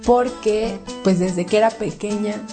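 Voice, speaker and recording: A woman from Mexico sharing warm personal memories in an interview. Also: mid-range voice, a little slow. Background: guitar music.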